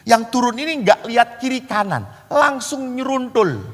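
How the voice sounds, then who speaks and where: Husky middle-aged priest telling stories. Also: male voice, extremely high pitch, normal speed, in a large hall. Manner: storytelling, lively and comic, addresses the congregation. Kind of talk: sermon.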